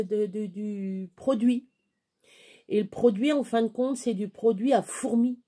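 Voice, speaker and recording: A woman's voice: a little high, dark tone. A middle-aged woman chatting to her viewers in a rambling, hesitant way, often restarting her sentences. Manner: chatty, hesitant, many restarts and fillers, baby talk to her dog. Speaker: vlogger. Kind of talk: rambling casual chat to camera.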